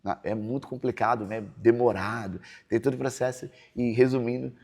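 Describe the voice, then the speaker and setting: A man's voice: medium pitch, steady tone, fairly quick, darkish tone, slightly rough. A man with a Brazilian Portuguese accent, a pastor telling his personal testimony in a podcast interview, earnest and preachy. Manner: earnest, preachy, acts out quoted dialogue.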